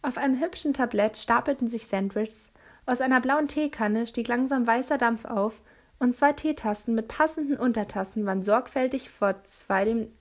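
A woman reading a novel aloud as an audiobook, narrating in a calm, even way. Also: a little high, moderate pace. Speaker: audiobook reader. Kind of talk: storybook narration.

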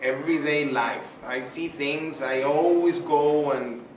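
A middle-aged Venezuelan man, an artist, answers a child's interview questions casually, effusive and full of fillers. He speaks slowly in a fairly high voice with fairly even intonation. Noise, echo from the small indoor room and a far-off mic colour the recording.

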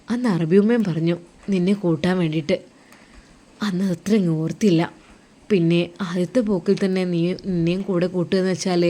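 A woman voicing a tender young husband far from home who gently consoles his crying wife in a told story. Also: lowish voice, natural voice. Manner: gentle, coaxing, soothing. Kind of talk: storytelling role-play.

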